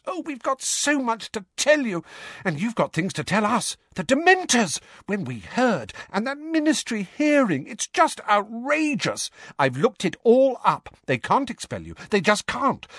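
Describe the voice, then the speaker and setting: A man reading a storybook aloud, voicing an excitable, bossy teenage schoolgirl who gushes breathlessly. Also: high-pitched, breathy edge, no echo, studio quality, voice pushed up, full character voice. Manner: breathless, gushing, rapid. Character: excitable bushy-haired schoolgirl, bossy know-it-all.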